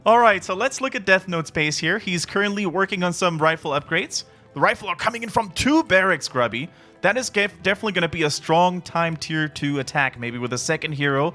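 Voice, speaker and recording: A man with a Dutch accent giving lively live play-by-play commentary on a strategy game. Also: a little fast, faint music behind. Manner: excited play-by-play, rising pitch at big moments. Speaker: esports caster.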